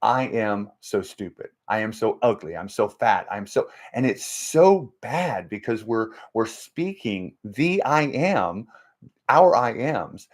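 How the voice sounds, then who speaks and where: A man hosting a faith-based motivational live stream, talking in a slow, halting way with many restarts and repeated words, and reading out and answering viewer comments. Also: fairly low pitch.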